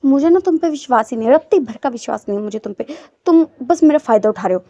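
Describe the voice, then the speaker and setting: Girl doing a cross young guy snapping at his boyfriend, high mellow voice, dry lo-fi sound. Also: lively intonation, fast talker, no echo. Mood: annoyed. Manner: sharp, scolding retorts. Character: angry young man, sulking lover. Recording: dull lo-fi dry recording.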